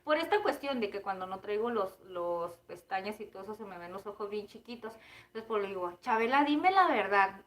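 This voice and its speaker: A woman's voice: mid-range voice, brisk. A woman in her thirties with a Mexican Spanish accent, hosting a cooking livestream and chatting casually with her viewers, giggling often. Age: 30s. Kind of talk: casual live chat with viewers.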